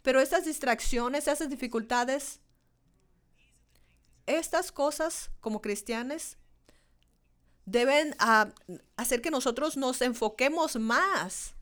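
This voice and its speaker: A woman with a fairly high voice delivers a sermon. She talks to the congregation as if in conversation and repeats her key lines to drive them home. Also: takes it slowly, pauses often, a bit bright. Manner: repeats phrases for emphasis. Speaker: preacher.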